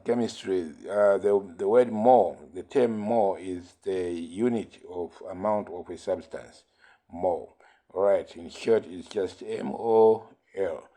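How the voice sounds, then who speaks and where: A man teaching a physics lesson, explaining slowly and repeating key points between fillers like "uh". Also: lowish voice, dark tone. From Malawi. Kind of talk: recorded classroom lesson.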